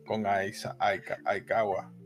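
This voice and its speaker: A man, co-hosting a casual anime discussion, talking in an excitable, rambling way and dropping in English words. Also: lowish voice, unhurried, soft background music. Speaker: co-host.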